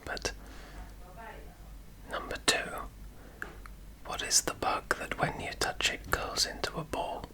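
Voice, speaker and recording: Whispering an ASMR accent tag on his girlfriend's channel, an English guest speaks in an accent blending English and Welsh. His delivery is soft, hesitant and full of pauses.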